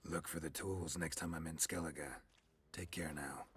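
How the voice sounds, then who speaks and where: A middle-aged monster hunter who speaks in short, clipped, dry lines. His voice sits very low and deep. This is video game dialogue. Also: fairly even intonation, moderate pace, heavy background noise.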